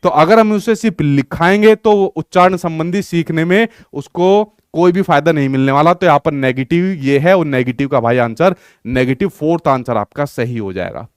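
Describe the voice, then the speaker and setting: Young male teacher, slightly high voice, patient explainer, dry close sound. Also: normal speed, clean tone, dry recording. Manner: explanatory, repeats "ठीक है" often. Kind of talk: exam-prep lecture.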